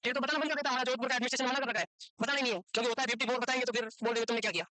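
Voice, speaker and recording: A man teaching a medical course, lecturing in a chatty, joking way and quizzing students with quick questions he answers himself. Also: extremely high pitch, steady tone, pushed and bright, no echo, low-quality recording. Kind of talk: lecture to a class, mixed with casual chat. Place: classroom with students present and online.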